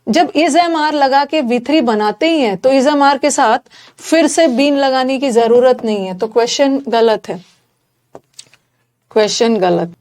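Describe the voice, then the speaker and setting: High-voiced woman teaching grammar. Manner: explains in Hindi mixed with English terms, questions students directly. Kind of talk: exam-prep grammar lecture.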